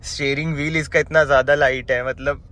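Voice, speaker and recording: A young man doing a casual car vlog, chatty and excitable, filming himself on a phone while driving and standing outside in a parking lot. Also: on the high side, fast talker. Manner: chatty, excitable, teasing, says "bhai" a lot. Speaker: car vlogger. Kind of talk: casual vlog talk, Hindi-English mix. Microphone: phone camera.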